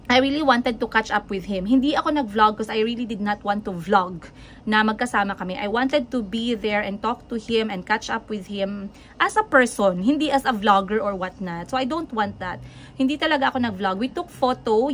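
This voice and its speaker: A woman, vlogging and telling a story casually to her viewers in an animated, emotional way, mixing in English. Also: on the high side, normal speed, a little hiss or hum.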